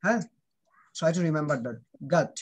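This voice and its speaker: A man's slightly high voice, with lively intonation and a slow pace, comes through on dull audio. He teaches children pronunciation in an online class, drilling sounds, asking over and over whether they understand, and switching between Bengali and English.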